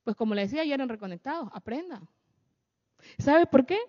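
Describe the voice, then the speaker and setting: A woman's voice: high voice, animated, fairly quick, darkish tone. A woman giving a sermon-style talk on family, often checking in with her listeners through rhetorical questions. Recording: echoey hall, dull lo-fi sound.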